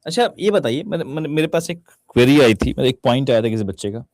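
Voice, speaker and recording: A man's voice: mid-range voice, quick pace, no echo. Young male Hindi-accented exam tutor, bouncy intonation, dry close studio sound. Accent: Indian Hindi. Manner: lively, talks straight to students, mixes Hindi with English phrases. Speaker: banking exam reasoning teacher. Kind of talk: recorded online lecture. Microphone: close studio mic.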